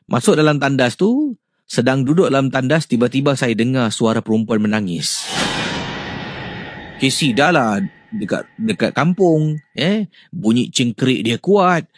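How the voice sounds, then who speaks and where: A man hosting a radio show, reading out listener ghost stories in an animated, suspenseful way. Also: measured pace. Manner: animated, with sudden rises in pitch and loudness for suspense.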